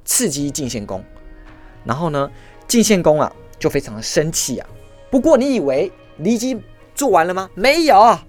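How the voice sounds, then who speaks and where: A woman's voice: lowish voice, normal speed, soft background music. A woman podcast host, telling a history story in a chatty, exclamatory way. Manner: animated, exclamatory, chatty asides.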